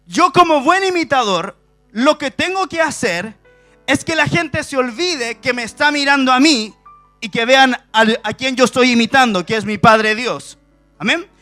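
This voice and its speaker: A man's voice: extremely high pitch, animated, unhurried, bright, forceful tone, faint music behind. A middle-aged man with a Chilean accent preaching a sermon, asking the congregation rhetorical questions and stressing key words. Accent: Chilean Spanish. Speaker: pastor. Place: church stage before a congregation.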